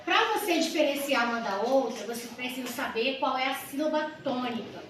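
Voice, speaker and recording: High-voiced woman teaching grammar. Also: lively intonation. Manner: explains step by step with rhetorical questions; stretches out example words slowly. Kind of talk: grammar lesson for exam students. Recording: echoey room with mic far off and noise.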